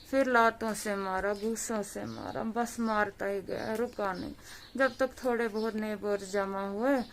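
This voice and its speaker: Woman, Kashmiri accent, slow speech, grieving daughter, faint outdoor noise. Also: mid-range voice. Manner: slow, pleading, rising to forceful demands for justice. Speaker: victim's daughter. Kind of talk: tearful eyewitness account.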